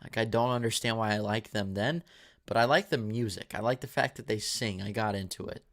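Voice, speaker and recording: Reading viewer questions aloud, a movie channel host in his twenties answers them in a casual, rambling way full of fillers and restarts, his mouth dry. His fairly low voice is steady, brisk and a bit bright.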